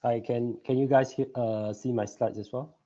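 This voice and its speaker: A man presenting on an online group call, speaking haltingly and filling pauses with many hesitation sounds. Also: medium pitch, steady tone, warm tone. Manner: halting, frequent filler sounds. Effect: online group call audio. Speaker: guest presenter. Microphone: computer mic on a video call. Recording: dull lo-fi call audio.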